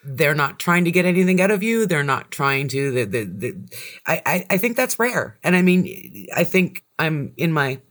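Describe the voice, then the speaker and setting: A woman's voice: deep voice, big pitch swings, normal speed. A woman in her forties, a podcast guest, talking in a reflective, casual way and laughing often. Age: 40s. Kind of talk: casual chat.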